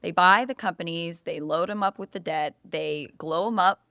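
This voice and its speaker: Upbeat lower-voiced podcast host woman. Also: moderate pace, fairly bright tone, no echo. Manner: upbeat, playful explainer. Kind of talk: casual chat.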